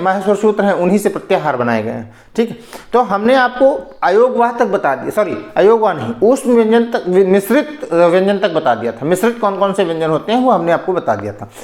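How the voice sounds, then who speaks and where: A man's voice: a little high, darkish tone, echoey room. A man teaching an exam-prep grammar lesson in Hindi with a Hindi accent, explaining step by step, asking questions and answering them himself. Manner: explanatory, repeats "ठीक है" and asks and answers his own questions.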